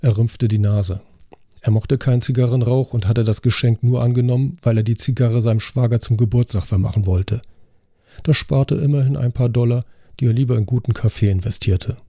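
A man reading a crime novel aloud as an audiobook narrator, in a steady, measured way. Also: medium pitch, no echo, clean studio sound. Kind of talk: scripted narration.

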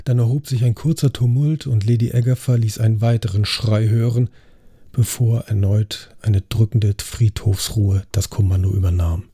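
A male narrator reads a story aloud in the first person, with a very dark, mellow tone and a husky edge. His delivery is scripted and expressive. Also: on the low side, normal speed. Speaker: audiobook narrator.

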